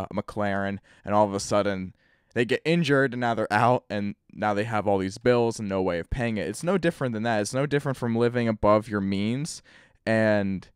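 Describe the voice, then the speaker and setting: A man's voice: on the low side, clean tone, no echo, studio quality. A man who makes gaming videos, ranting casually and rambling over gameplay with loose restarts. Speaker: gaming YouTuber.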